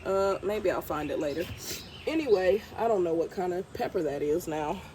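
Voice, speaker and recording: A woman's voice: lowish voice, expressive, normal speed, dark tone, a little hiss or hum. A congested woman vlogging as she plants her garden outdoors, chatty and thinking aloud while she works. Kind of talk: casual vlog narration while gardening. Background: birds and outdoor ambience.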